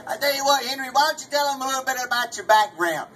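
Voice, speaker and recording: A man's voice: very high-pitched, animated, fast talker, sharp tone, distant mic. A man, folksy and colloquial, playing straight man in a live ventriloquist comedy act. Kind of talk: live comedy stage patter. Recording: noisy live stage recording.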